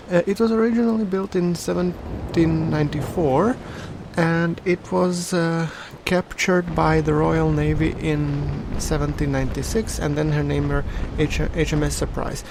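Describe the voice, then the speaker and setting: A man giving casual video game commentary in a halting, hesitant way, as the host of a channel. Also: fairly high pitch, fairly even intonation, creaky, background noise.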